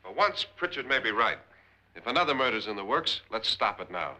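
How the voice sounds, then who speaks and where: An actor playing a tough, suspicious party guest, blunt and decisive, in a vintage suspense film. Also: male voice, lowish voice, very animated, a little fast, pushed and bright, heavily acted, rough recording. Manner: blunt, decisive, hard-edged.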